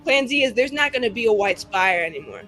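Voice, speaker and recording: A young adult woman, a cast member on a tabletop roleplaying show, jokes around casually in a group with slangy, theatrical, hyperbolic talk. Her voice is on the high side, sing-song, a bit bright and quick-paced. Music plays behind her.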